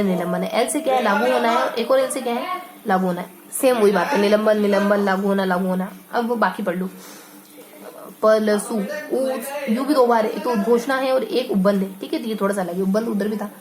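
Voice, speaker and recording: A woman teaching an exam-prep lesson, slowly repeating and stretching words as she explains memory tricks. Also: medium pitch, crowd noise.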